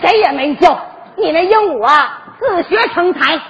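An actress playing an older, quick-tongued building head, bantering in a stage comedy sketch. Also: female voice, very high voice, expressive, fairly bright tone, a little hiss or hum, full character voice. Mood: teasing. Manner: teasing wordplay, bantering. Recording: dull lo-fi stage recording.

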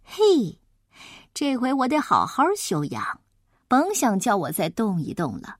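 Conceited male acrobat, haughty and lazy, voiced by a woman storyteller in a lowered, dry voice. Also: wildly swooping pitch, measured pace, no room sound. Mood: smug. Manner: haughty, scornful, drawling.

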